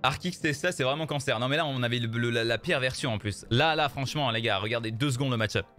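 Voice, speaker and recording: A streamer playing a mobile card game gives casual, joking live commentary on his matches, talking straight to his viewers and calling them "les gars." He is animated and repeats himself, speaking at medium pitch and a quick pace, with game music playing faintly behind.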